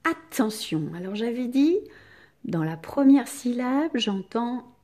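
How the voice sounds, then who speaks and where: Slow, patient woman teacher, mellow voice. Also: fairly high pitch, expressive. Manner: slow, patient, stretched-out syllables, questions to the class. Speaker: primary school teacher. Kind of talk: remote reading lesson for young children.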